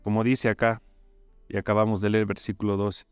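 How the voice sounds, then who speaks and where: A man's voice: on the low side, little pitch movement, fairly quick, clear, resonant tone, dry recording, faint music behind. A man with a Bolivian accent preaching a sermon. He tells the story conversationally and keeps asking tag questions of his listeners. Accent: Bolivian Spanish.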